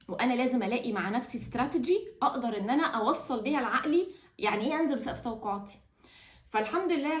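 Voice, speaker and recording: Woman, Egyptian accent, high voice, brisk animated motivational chat, roomy echo. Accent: Egyptian Arabic. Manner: animated, conversational, storytelling with quick asides. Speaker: self-development speaker. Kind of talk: casual motivational monologue.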